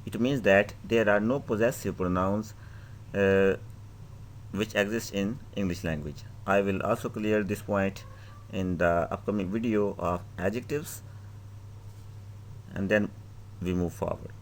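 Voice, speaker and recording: A man gives an English grammar lesson in a slow, careful pace and a somewhat low voice. He reads out each definition and then explains it again in his own words, stepping through word lists and example sentences one at a time. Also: a little hiss or hum. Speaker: English teacher.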